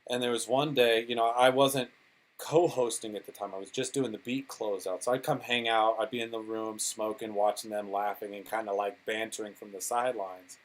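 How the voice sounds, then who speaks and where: A man's voice: fairly low pitch, steady tone, a little fast, poor audio. A man talking casually as a podcast guest, a DJ and producer who rambles through stories and swears freely. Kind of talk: casual interview chat.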